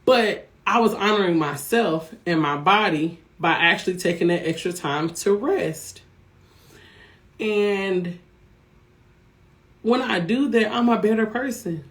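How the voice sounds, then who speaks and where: A woman's voice: medium pitch, a little slow. A woman business coach talking casually from her office, chatty and encouraging, often checking in with her listeners. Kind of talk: casual motivational talk to viewers.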